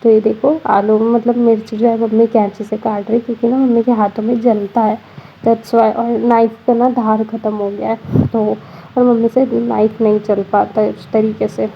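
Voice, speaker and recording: A woman's voice: a little high, flat delivery, moderate pace, gravelly, dull audio, slight background noise. A tired young woman with a slight cold, narrating her daily vlog in a chatty voice-over full of fillers. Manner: chatty, frequent fillers like 'matlab'. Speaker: vlogger. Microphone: voice-over recorded separately.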